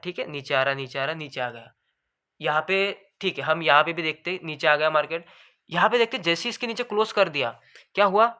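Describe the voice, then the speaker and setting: A man explaining trading charts in a rapid, nonstop lesson, says his throat goes dry, calls viewers brother. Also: fairly high pitch, bright, forceful tone. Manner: fast, talks continuously without pause; addresses viewers as bhai sahab. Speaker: trading educator. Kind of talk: screen-share chart lesson.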